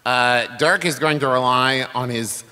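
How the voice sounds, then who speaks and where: A man's voice: medium pitch, measured pace, pushed and bright, smooth. A man casually improvising comedy as a player in a tabletop game. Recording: live hall reverb.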